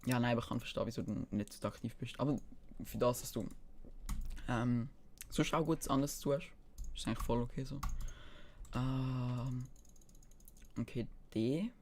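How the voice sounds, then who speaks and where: A man with a Swiss German accent chats casually on a live game stream, partly talking to himself and partly replying to chat over keyboard typing and mouse clicks. His mid-range voice is steady and a little mellow at a moderate pace, with slight hiss or hum.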